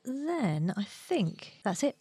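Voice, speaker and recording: A woman with a British accent co-hosting a podcast, chatty and enthusiastic, with quick asides. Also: on the high side, big pitch swings, mellow, a little hiss or hum. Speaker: podcast co-host. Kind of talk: casual chat. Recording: dry studio.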